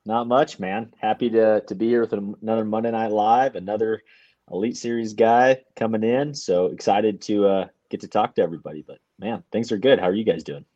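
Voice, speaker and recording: A man's voice: fairly low pitch, fairly quick, warm tone. A man chatting casually as a podcast co-host, laid-back and slangy. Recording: dull, lo-fi audio.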